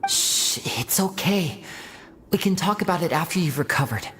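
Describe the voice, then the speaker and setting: A calm game character who speaks softly and in a hush, in a lowish voice. A faint hiss sits under her lines. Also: moderate pace. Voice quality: soft, hushed. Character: calm woman, hushing a patient kindly. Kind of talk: video game voice acting.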